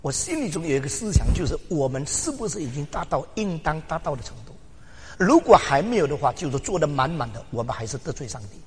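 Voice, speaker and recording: An older man preaching a sermon, emphatic, swinging from loud exclamations to quiet asides and slipping into English phrases. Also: fairly high pitch, big pitch swings, fast, slightly rough. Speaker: pastor. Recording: long hall reverb.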